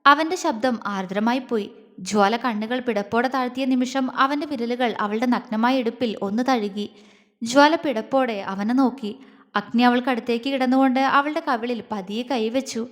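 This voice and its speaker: Woman narrating a romance serial, soft steady reading, fairly high voice, long reverb. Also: normal speed. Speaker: storyteller.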